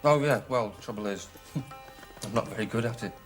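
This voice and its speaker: A man's voice: lowish voice, normal speed, natural voice. An actor playing a mild, cautious, homely man, earnest and hesitant in natural TV comedy-drama dialogue. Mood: flustered, rueful. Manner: hesitant, earnest, mildly fussy. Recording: music behind the dialogue.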